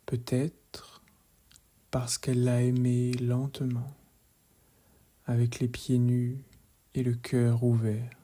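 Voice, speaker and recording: A man leading a guided relaxation meditation in a calm, measured voice, soft and hushed, often slipping into a whisper. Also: medium pitch. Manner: calm, measured, gently instructive.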